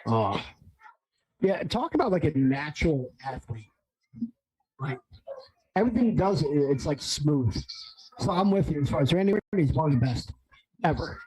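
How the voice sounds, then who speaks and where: A slightly high-voiced man hosts a casual watch-along, talking in an excitable, rambling way. He trips over his words and corrects himself often. He sounds amped up on coffee. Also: moderate pace, pauses often, breathy edge, low-quality recording. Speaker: stream host.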